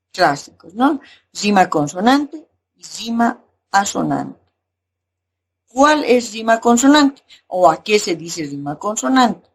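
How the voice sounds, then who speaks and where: A woman teacher explains verse and rhyme at an even, middle pitch. Her voice is a little husky and breathy. She often checks in with a rhetorical "¿no?" and stops on small fillers while she finds her words. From Bolivia. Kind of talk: recorded class lesson.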